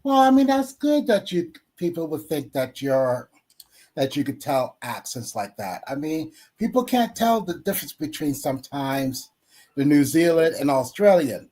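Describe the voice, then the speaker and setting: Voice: mid-range voice, big pitch swings, normal speed, warm tone. A co-host in a casual chat who teases and scolds in a dry way.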